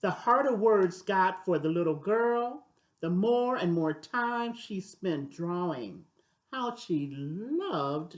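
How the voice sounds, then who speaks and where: Reading a children's story aloud, an older woman with a voice on the low side takes an expressive, unhurried storyteller's approach.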